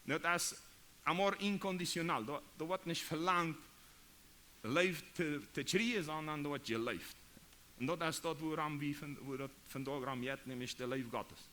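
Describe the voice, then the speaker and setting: A man from Paraguay with a Mennonite Low German accent, preaching a sermon in halting, repetitive phrases. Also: fairly bright tone, a little hiss or hum.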